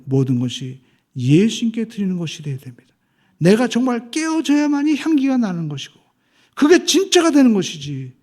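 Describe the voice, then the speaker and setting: Pastor guy preaching, high voice but mellow tone, big swings up and down, does little crowd voices. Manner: preaching with emphatic swings in pitch and loudness, acting out voices of the crowd. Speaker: senior pastor. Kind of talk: sermon.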